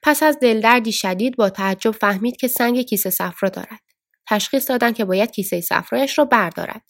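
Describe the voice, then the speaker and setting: A woman narrating a book as a steady, scripted audiobook reading. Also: fairly high pitch, dry recording, clean studio sound. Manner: steady storytelling.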